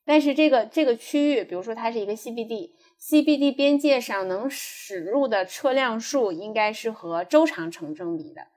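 A woman's voice: on the high side, animated, normal speed, hardly any pauses, a little mellow. A woman with a transport background, explaining her ideas in a casual panel chat, thinking aloud with many fillers and restarts. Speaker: podcast guest, transport specialist.

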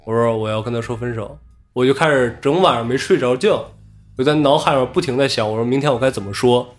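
A man casually telling a story from his own life on a podcast, animated and acting out what others said. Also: medium pitch, fast, faint music behind. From Inner Mongolia.

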